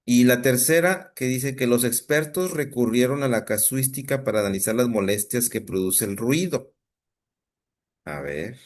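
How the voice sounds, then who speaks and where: A man's voice: medium pitch, animated, moderate pace. A male teacher with a Mexican Spanish accent giving an online lesson and checking in patiently with his students.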